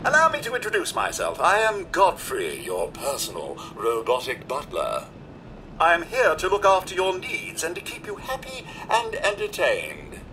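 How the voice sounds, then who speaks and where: A prim, bright-toned robot butler. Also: male voice, high voice, wildly swooping pitch, normal speed, a little hiss or hum, full character voice, rough recording. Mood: courteous. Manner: prim, formal, deferential. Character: polite male robot butler, formal and eager to serve. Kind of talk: video game character dialogue.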